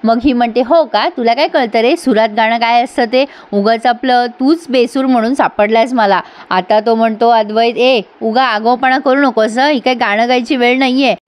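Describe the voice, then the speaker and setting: A woman narrating a recap of a TV serial episode, acting out each character's lines with lively emphasis. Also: a little high, normal speed, hardly any pauses. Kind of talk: voice-over recap acting out dialogue.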